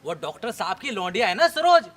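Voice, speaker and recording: A man's voice: high-pitched, sing-song, brisk, fairly bright tone, heavily acted. A man playing a fussy male neighbor who brings complaints and patiently repeats himself at length. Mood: complaining.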